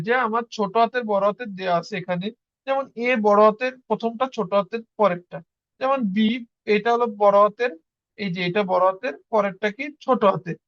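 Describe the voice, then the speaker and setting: A man's voice: very high voice, fairly bright tone, no room sound. A man teaching a beginners' class, sounding out letters one by one and coaxing students to practise. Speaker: language teacher. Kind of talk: informal classroom lesson. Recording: dull dry lo-fi recording.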